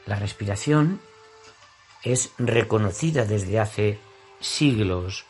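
A male yoga teacher with an accent from Spain leads a guided class. His voice is on the low side and his pace is very slow. He sounds soothing and deliberate, leaving space between short phrases. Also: lively intonation, a little mellow, soft background music.

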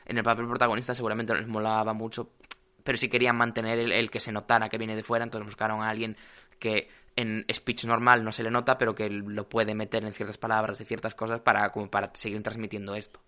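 A man's voice: fairly low pitch, completely flat delivery, fast talker, bright, forceful tone. A man, co-hosting a podcast in casual chat, rambling with lots of fillers and restarts.

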